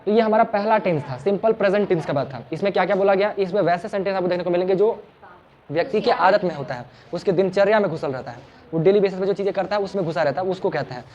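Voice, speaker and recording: Joking tutor in a classroom. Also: male voice, high voice, rapid-fire, a little mellow, lo-fi sound. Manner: chatty and joking, repeats words of address. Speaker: English tutor. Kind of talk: informal classroom teaching. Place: small classroom.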